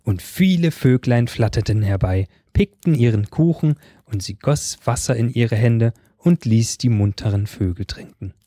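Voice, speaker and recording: Calm male fairy-tale reader, dark tone, dry studio sound. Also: mid-range voice, normal speed, few pauses, no echo. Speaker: storyteller.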